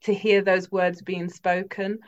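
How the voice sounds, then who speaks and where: A woman interviewer asking quiet, brief questions and follow-ups. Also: mid-range voice, level tone, measured pace. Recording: dull lo-fi sound.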